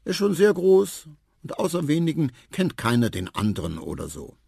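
A man voicing a curious, good-natured young male elephant in a children's radio story, with a lively, boyish voice. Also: a little high, normal speed, gravelly, breathy edge, no echo, studio quality, pitched above the performer's own voice, full character voice. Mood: musing.

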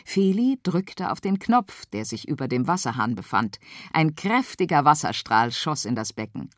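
Narrator: woman, lower voice, very lively storytelling for kids, dry studio. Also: moderate pace, dry recording. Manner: expressive, animated reading. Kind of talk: scripted storytelling for children.

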